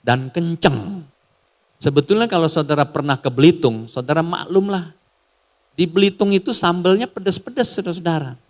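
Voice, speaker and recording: Male pastor, middle-aged, casual sermon delivery, pitched a little high. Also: normal speed. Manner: casual, animated preaching with raised shouted bits.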